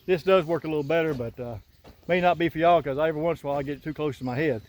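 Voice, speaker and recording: A man's voice: a little high, racing. An older man with a Southern drawl, chatting in a folksy, rambling way as he walks through his garden with a phone on a selfie stick. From Southern United States. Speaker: homesteader filming his garden. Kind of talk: casual walkthrough vlog. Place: outdoors in a rural garden.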